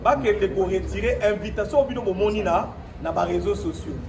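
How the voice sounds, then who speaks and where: In an echoey room at his own premises, a Congolese man with a notably high voice, a little fast and with vocal fry, delivers a partly improvised press statement in French and Lingala. He's defiant and emphatic, hammering points through repetition and rhetorical questions. He's from the DRC; the mic is distant and crowd noise fills the background.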